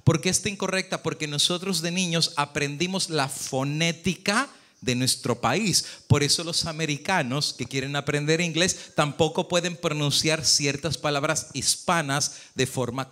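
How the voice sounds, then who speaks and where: A man's voice: on the high side, pushed and bright. A man, a pastor, preaching a sermon in Spanish and explaining points to the congregation with rhetorical questions.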